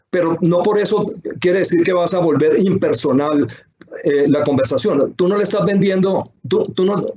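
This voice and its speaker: A man's voice: sits high, darkish tone, muffled recording. A man giving a sales webinar, speaking, stacking emphatic lists and rhetorical questions. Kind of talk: webinar presentation. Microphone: computer microphone on a video call.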